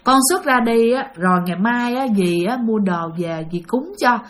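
A woman narrator putting on an old grandmother who speaks slow and low, patiently coaxing. The accent is Southern Vietnamese, the tone calm and pleading. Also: lightly acted.

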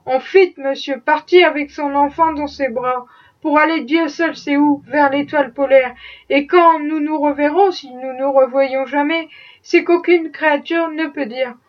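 A woman's voice: high-pitched, steady tone, measured pace, far from the mic, highs cut off. A woman voicing a desperate young enslaved man fleeing to freedom, with impassioned, defiant pleading. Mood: earnest.

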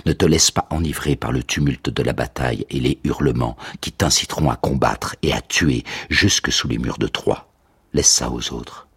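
A man's voice: extremely low pitch, normal speed, vocal fry, a bit bright, slightly rough, full character voice. A man voicing a proud, wrathful male hero who gives stern commands, in a radio drama.

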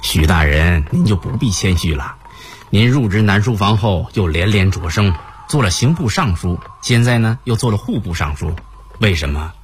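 An actor playing a servile but vengeful court official in a radio drama, fawning and plotting. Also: male voice, low-pitched, expressive, normal speed, slight background noise. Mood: probing. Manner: fawning to superiors, bitter and plotting.

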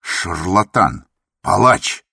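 A man voicing a furious, paranoid male patient in an asylum, shouting bitter accusations in an audiobook. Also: rumbling low, measured pace, breathy edge, no room sound, clean studio sound, heavily acted. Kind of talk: audiobook character voice.

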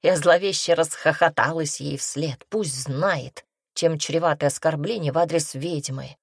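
A woman narrating a first-person fantasy audiobook in a lively, expressive storytelling manner. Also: low-pitched, measured pace, creaky, slightly rough, no echo, studio quality.

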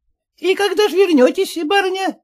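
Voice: very high-pitched, normal speed, pitched above the performer's own voice. A reader voicing a simple woman cook, a servant who fusses anxiously in plain folksy speech, in a storybook reading.

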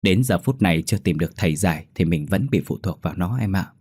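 A man voicing a hesitant, fearful young husband in a spoken horror story, halting between words. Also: low-pitched, lively intonation, a little mellow, slightly rough, no echo, studio quality. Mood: uneasy.

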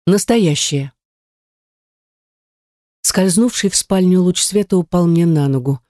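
A woman's voice: on the low side, a little slow, warm tone, no echo, clean studio sound. A woman narrating a first-person audiobook in an emotional, intense way.

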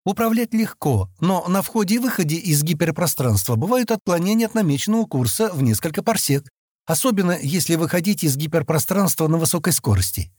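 A man reading an audiobook, voicing a young alien woman pilot who explains things in a calm, matter-of-fact way. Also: on the high side, brisk, no room sound, clean studio sound, pitched above the performer's own voice. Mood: explaining.

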